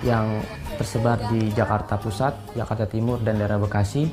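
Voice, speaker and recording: Over background guitar music, a young man of twenty explains his business in a relaxed interview. His lowish voice is delivered flatly at normal speed, and he keeps adding a casual filler to his phrases.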